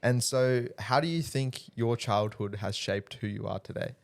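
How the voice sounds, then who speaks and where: A man co-hosting a podcast and asking the guest measured, prompting questions. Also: medium pitch, vocal fry. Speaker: podcast co-host. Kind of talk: interview questions.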